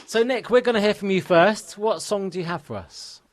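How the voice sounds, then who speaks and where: A man's voice: high voice, a little fast, dry recording. A man hosting a live online music show over a video call, asking rambling questions in a chatty way. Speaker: host.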